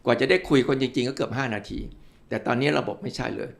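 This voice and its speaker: An older man speaking as an expert guest, his voice deeply gravelly and fried throughout. He talks at a brisk, quick clip, laying out his points through step-by-step examples and turning politely to the audience. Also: steady tone. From Thailand. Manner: explains with worked examples, politely addresses listeners. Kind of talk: explanatory interview talk.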